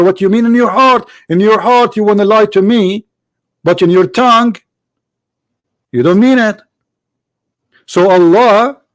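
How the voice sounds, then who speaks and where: A man with a fairly high voice hosts a live call-in debate show and argues insistently with his caller. He repeats phrases to drive his points home. The sound is close and dry, with no room echo. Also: a little mellow.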